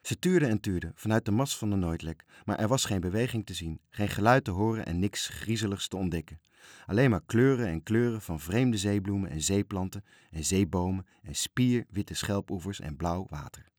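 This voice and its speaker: Guy reading a kids' story, deep-ish and calm, dry sound. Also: normal speed, no echo. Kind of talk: reading a children's story aloud.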